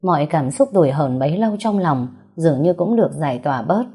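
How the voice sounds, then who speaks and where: A woman narrating a family drama story in a measured, emotive way. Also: low voice, expressive, warm tone, husky.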